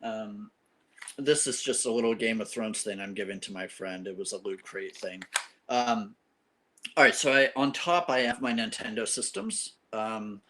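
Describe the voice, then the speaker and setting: A man's voice: fairly low pitch, moderate pace, bright, forceful tone, slight background noise. Young man rambling through a casual show-and-tell. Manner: rambling, many ums and uhs. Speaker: vlogger showing his game room. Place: at home in a game room. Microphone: phone camera.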